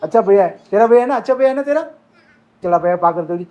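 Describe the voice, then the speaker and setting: A woman's voice: mid-range voice, animated, fast talker, dark tone, dull audio. A woman at home talking to her young children, coaxing and scolding them in repetitive, speech. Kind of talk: casual family home video.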